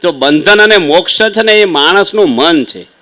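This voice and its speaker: ગુજરાતી ઉચ્ચારવાળા એક પુરુષ સ્વામી, ઘરગથ્થુ વાતચીતની શૈલીમાં શ્રોતાઓને સંબોધીને ભક્તિભાવભર્યું પ્રવચન આપે છે. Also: male voice, high-pitched, animated, a little slow, pushed and bright. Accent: Gujarati. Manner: conversational, folksy storytelling with asides to listeners. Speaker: swami preacher. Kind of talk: devotional sermon storytelling.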